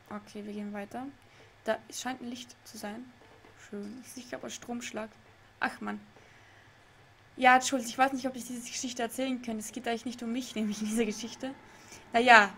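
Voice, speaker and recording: A chatty young woman with a slightly high voice plays a game live from her room and talks with her viewers. She laughs a lot and keeps losing her way. A faint hiss sits under her voice. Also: level tone, normal speed, fairly bright tone. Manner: chatty, laughs often, easily confused. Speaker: streamer. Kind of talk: live let's play with chat reading. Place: home room.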